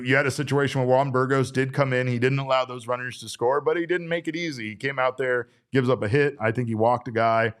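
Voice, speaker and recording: A man's voice: mid-range voice, clear, resonant tone. A man in his forties hosting a casual sports talk show, rambling and breaking off his own sentences. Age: 40s. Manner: rambling, self-interrupting. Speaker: podcast host.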